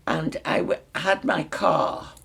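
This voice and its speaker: A very old woman in her nineties with a mixed Northern English accent, reminiscing in an unhurried, emphatic way with pauses. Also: fairly low pitch, steady tone, a bit bright. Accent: mixed Northern English, Lancashire. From Salford, north of England. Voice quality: very old woman's voice, husky and creaky. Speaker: interview guest. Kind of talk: reminiscing life story in conversation.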